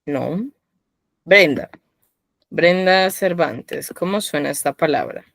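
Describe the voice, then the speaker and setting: A woman's voice: deep voice, expressive, takes it slowly, vocal fry, dry recording. A woman teaching a live online language class, quizzing her students by name and patiently encouraging them. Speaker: Korean teacher.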